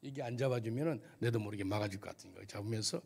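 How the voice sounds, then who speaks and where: A man's voice: lowish voice, very fast, creaky, darkish tone, breathy edge. A missionary pastor giving a testimony sermon at a church service, telling his story vividly and asking the audience questions.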